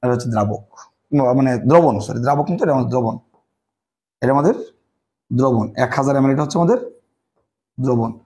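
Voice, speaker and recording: A man's voice: medium pitch, fairly quick, long pauses, a little mellow. A man teaching a chemistry lecture who asks questions and answers them himself, repeating the key terms. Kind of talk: classroom lecture.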